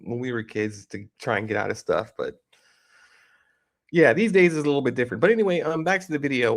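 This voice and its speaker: A man in his forties giving casual, opinionated reaction commentary on a video, rambling and joking as he goes. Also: medium pitch. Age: 40s.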